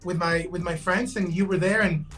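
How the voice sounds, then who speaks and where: In a casual interview over video call, the guest is a young man from Guatemala raised in Los Angeles who works as a digital fashion designer. He speaks at normal speed in a high, steady, slightly bright voice, chatty and prone to restarts and to "bro" and "man," with faint music behind.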